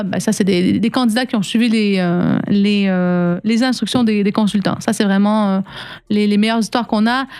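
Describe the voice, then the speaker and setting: A woman's voice: medium pitch, smooth. A woman with a Canadian French accent that she has adapted to a Congolese French one, talking in a radio interview, chatty and full of fillers and restarts. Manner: conversational, many fillers and repeats. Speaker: guest, platform founder.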